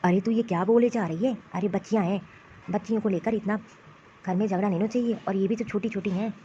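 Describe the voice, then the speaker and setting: A woman voicing a mild elderly grandfather in a cartoon who tries to calm family quarrels. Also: medium pitch, fast talker, lo-fi sound, a little hiss or hum, voice pushed down, close to an everyday voice. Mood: placating. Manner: placating, calming. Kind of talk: cartoon voice acting.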